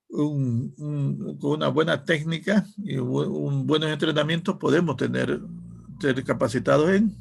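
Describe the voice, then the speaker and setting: A male teacher lectures a sales class. His voice is deeply gravelly and husky. He tags almost every phrase with a little questioning check and often restarts words mid-thought. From Santa Cruz, Bolivia. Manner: ends nearly every phrase with a questioning tag, frequent restarts.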